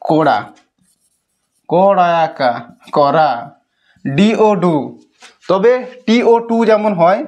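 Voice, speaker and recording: A man's voice: sits high, darkish tone. A man teaching an English lesson to children, explaining step by step and checking in with "okay".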